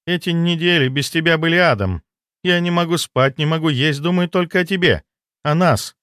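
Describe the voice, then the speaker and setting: A man voicing a jealous, desperate female doctor in an audiobook, pleading and shrill. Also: moderate pace, a bit bright, smooth, no room sound, studio quality, natural voice. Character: jealous, hysterical female doctor, young adult.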